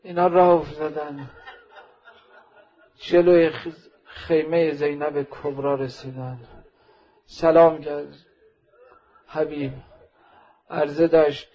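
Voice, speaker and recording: A man preaching an emotional religious sermon at a mourning ceremony, telling a story and swelling from quiet narration into loud, impassioned calls. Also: on the high side, flat delivery, long pauses, husky. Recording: dull lo-fi recording.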